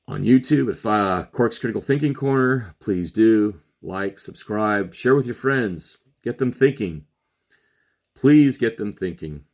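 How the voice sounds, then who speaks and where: Middle-aged male host, very low gravelly voice, earnest solo commentary with slow emphatic pauses. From Trinidad and Tobago. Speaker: podcast host.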